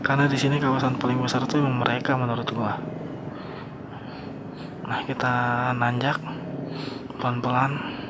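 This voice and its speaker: A man's voice: medium pitch, normal speed, long pauses. A young man, chatting casually to viewers while riding a motorbike through town, recorded outdoors over traffic. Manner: slangy, relaxed, talks to viewers. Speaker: motovlogger. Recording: traffic and wind noise.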